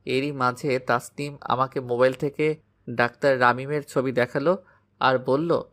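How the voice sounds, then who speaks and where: A man's voice: medium pitch, steady tone, unhurried, fairly bright tone. A man narrating a dramatic first-person audio story, anxious and despairing.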